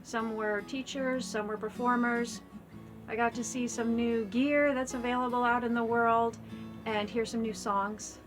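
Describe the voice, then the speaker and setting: A woman vlogger with a fairly high voice talks casually to her audience from an attic, with music in the recording. She sounds like someone keeping an informal video diary. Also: fairly even intonation, measured pace. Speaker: vlogger and fiddle player. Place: attic room at home.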